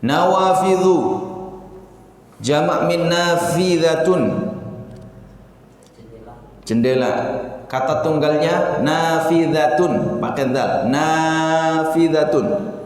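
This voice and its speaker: A man with an Indonesian accent teaching an Arabic class in a religious study session, speaking slowly and repeating words to drill them. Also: fairly high pitch, darkish tone. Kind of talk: religious language lesson. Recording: echoey hall with faint noise.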